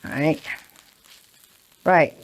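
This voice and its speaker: A woman hosting a cooking show, chatting through the steps as she cooks and often checking in with "right?". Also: very slow. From Indonesia. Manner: chatty, keeps asking "right?". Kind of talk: cooking demonstration. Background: sizzling pan.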